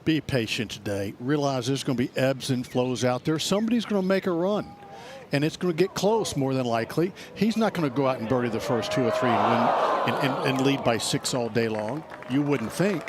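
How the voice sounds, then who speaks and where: A man's voice: medium pitch, lively intonation, brisk. A man working as a golf commentator and analyst, explaining strategy and shots in short, advisory remarks. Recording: clear outdoor ambient noise behind voice.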